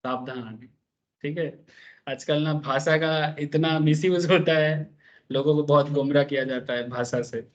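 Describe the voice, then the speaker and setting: A man's voice: a little high, fairly even intonation, unhurried, dull audio. A man teaching a business law class, telling stories and asking the students questions. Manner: chatty storytelling, asks the class questions, mixes English terms.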